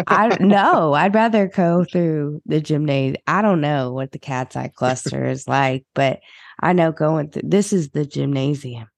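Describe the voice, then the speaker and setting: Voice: mid-range voice, measured pace, vocal fry, no room sound. A podcast co-host in casual chat, rambling and meandering, with frequent swearing.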